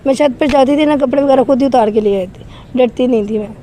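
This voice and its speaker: A woman's voice: sits high, dark tone, slight background noise. A woman recounting a frightening personal experience in an interview, her voice trembling and shaken as she tells it earnestly. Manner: emotional, earnest storytelling.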